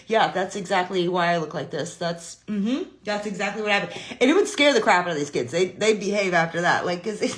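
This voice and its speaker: A man's voice: high-pitched, a bit bright. A man in his thirties telling family stories in a casual, chatty way, laughing often. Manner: laughs often, chatty, lots of filler likes. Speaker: commentary host. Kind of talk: casual storytelling.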